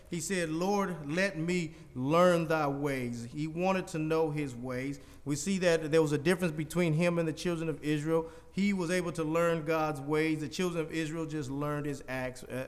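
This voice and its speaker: A man preaching a sermon, reading scripture in King James wording and explaining it in plain conversational speech with emphatic repetition. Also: fairly high pitch. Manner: rising, emphatic delivery with frequent repetition.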